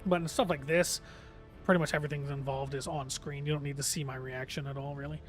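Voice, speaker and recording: A man's voice: a little high, level tone, fast talker, soft background music. A man livestreaming a game in casual, earnest, hesitant chat, his voice slightly reedy and tired from long talking.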